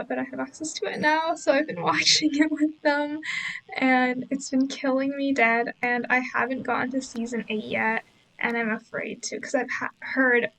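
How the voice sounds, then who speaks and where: A young woman talks casually over gameplay footage in a relaxed voice-over. Her voice sits high and slips into gravelly fry at phrase ends. She rambles gently, hedging often with fillers. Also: low-quality recording. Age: young adult. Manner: rambling, many fillers and hedges. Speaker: book vlogger.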